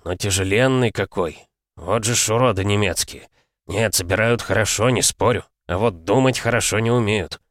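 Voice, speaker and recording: A man's voice: lowish voice, moderate pace, no room sound, clean studio sound, close to an everyday voice. A man voicing a grumbling, folksy older male tank driver in an audiobook.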